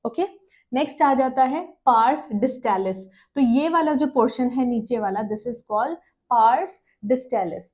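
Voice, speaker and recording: Woman teaching, mellow voice. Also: a little high, animated. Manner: explains step by step, asking questions and answering them herself; reads English lines slowly and mixes English terms into her talk. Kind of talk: lecture explaining diagrams.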